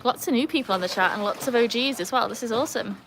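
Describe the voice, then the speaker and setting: Her voice is a little high, fast and creaky, with background noise present. A young Welsh woman with a Welsh-English accent, she hosts a casual outdoor livestream by the pool, chatting away, reading comments aloud and laughing readily.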